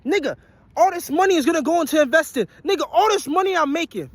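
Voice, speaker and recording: A young man in his twenties delivers a profane motivational rant straight to his viewers in a strikingly high voice. He talks bluntly and hammers each point with repetition, worn and sweaty from a long shift. The sound is close and dry. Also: lively intonation, fast talker, no echo. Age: 20s. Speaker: vlogger and aspiring musician.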